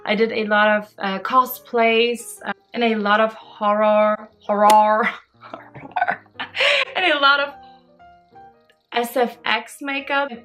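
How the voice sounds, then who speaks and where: A woman's voice: a little high, steady tone, slow pace, long pauses, a bit bright, soft background music. A woman in her twenties answering fan questions in a casual, bubbly and giggly vlog chat. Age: 20s. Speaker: social media creator.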